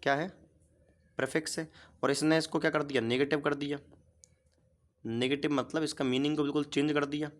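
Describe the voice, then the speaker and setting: A man's voice: on the high side, little pitch movement, brisk, pauses often. Patient male teacher who quizzes and repeats. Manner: asks questions and repeats the answers; patient, explains step by step. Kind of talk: grammar lesson.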